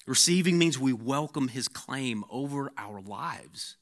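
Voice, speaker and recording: A man preaching a sermon, swinging between emphatic peaks and hushed, intense passages, sometimes repeating words as he starts a phrase. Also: mid-range voice, expressive, unhurried. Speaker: pastor.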